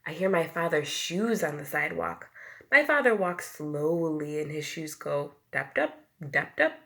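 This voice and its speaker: Reading a picture book aloud to little kids, a woman teacher performs the sound words in whispers and loud calls, quizzing her listeners and keeping explanations simple. She has a low voice and an unhurried pace.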